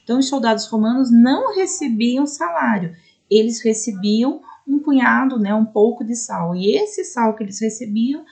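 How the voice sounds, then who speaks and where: Gravelly-voiced Brazilian woman teaching a lesson. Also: fairly high pitch, expressive, a little mellow. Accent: Brazilian Portuguese. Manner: explanatory, frequent "né?" checks, spells out syllables slowly. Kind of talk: recorded lesson for adult students.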